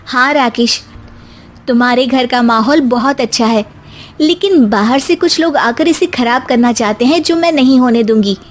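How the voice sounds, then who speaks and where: A woman voicing an indignant young daughter-in-law in an animated story, firm, outspoken and emphatic. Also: a little high, moderate pace, slight background noise, lightly acted. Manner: emphatic scolding.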